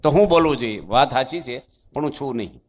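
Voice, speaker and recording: A man's voice: medium pitch, expressive, fast. A man, a monk preacher, giving a devotional sermon in a folksy, conversational storytelling manner with rhetorical questions.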